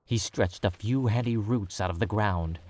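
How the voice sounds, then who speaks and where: Carrying the prose in a steady, controlled tone, a narrator with a very low, deep male voice reads the story in a calm, measured manner. A little hiss or hum can be heard in the recording.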